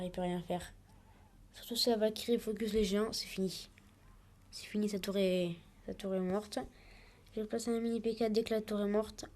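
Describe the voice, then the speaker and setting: Casual woman gamer, talks through each move live, mid-pitched, easygoing let's-play energy. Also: dark tone. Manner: chatty, narrates each move as it happens. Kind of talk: live gameplay commentary.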